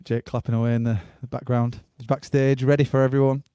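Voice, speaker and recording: A man's voice: medium pitch, level tone, fast talker, warm tone, smooth. A man hosting a live music stream in a casual, blokey, matey chat style, with some swearing.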